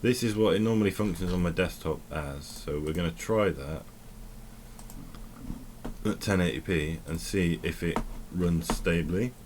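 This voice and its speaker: A man's voice: low voice, measured pace, background noise. A man giving casual, rambling commentary while playing a game, often correcting himself and thinking aloud. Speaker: tech vlogger.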